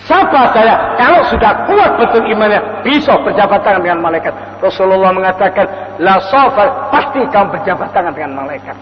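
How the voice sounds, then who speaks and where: In a reverberant hall, captured on a lo-fi recording with faint noise, an older man delivers a dawn sermon a little fast. His high-pitched voice swings widely as he narrates stories and acts out their voices.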